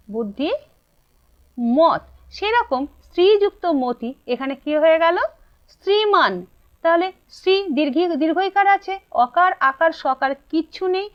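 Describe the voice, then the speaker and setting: A high-pitched woman with a Bengali accent teaches a grammar lesson, posing questions to her students and then answering them herself. The recording has a dull, lo-fi sound.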